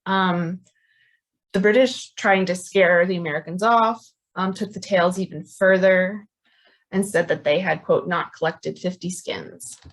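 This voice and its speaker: A woman giving an academic history talk, pausing often with ums and restarting her phrases. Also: fairly low pitch, fairly even intonation, low-quality recording. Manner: hesitant, many ums and restarts. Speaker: history lecturer.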